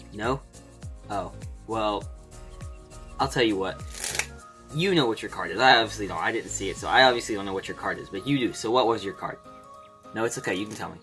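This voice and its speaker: Give a man with a fairly low, very bright and forward voice, explaining things step by step as an amateur magician. He keeps it informal and chatty, speaking straight to his viewers, with music playing behind him. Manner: informal, addresses viewers as guys. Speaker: amateur magician giving a card trick tutorial. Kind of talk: casual step-by-step tutorial.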